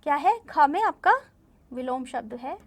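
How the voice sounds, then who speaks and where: A woman's voice: high-pitched, animated, a little slow, slight background noise. A young woman teaching a class of young children, patient and repetitive, often asking them questions. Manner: patient, repeats herself, asks the children questions. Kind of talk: online class lesson.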